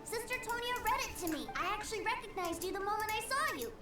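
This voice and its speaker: A woman's voice: very high voice, expressive, quick pace. A woman voicing an innocent, eager little boy, an earnest younger brother with a childlike voice in a video game. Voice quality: childlike, bright-eyed. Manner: earnest, enthusiastic. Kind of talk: video game character acting. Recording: distant, roomy game audio with loud music.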